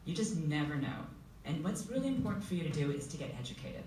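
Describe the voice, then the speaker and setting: A woman's voice: low voice, animated, fast, darkish tone. A woman from Uganda, a panelist telling her life story in an upbeat way, recorded in a school hall. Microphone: table mic heard from far camera. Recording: echoey hall from far off, faint noise.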